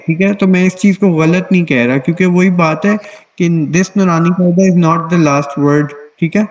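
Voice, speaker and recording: A man teaching Quran recitation in an online class, explaining rules patiently and pausing often to check that everyone follows. His voice sits a bit high for a man, and it comes through a dull, lo-fi video call line. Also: darkish tone.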